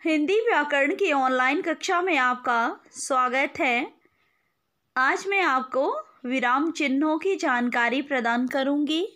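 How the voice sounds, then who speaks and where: A woman teacher, giving an online grammar lesson in a slow, deliberate, dictation-like way. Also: sits high, fairly bright tone.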